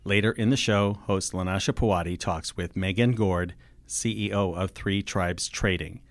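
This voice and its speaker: A man's voice: sits low, steady tone, moderate pace, dry recording. A man reading a scripted radio show intro in a polished announcer manner.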